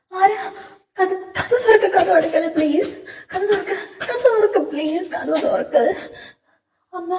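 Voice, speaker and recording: A woman voicing a frightened young man locked in a dark room, pleading and sobbing in panic. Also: high voice. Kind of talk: fan audio drama acting. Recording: roomy, distant amateur recording.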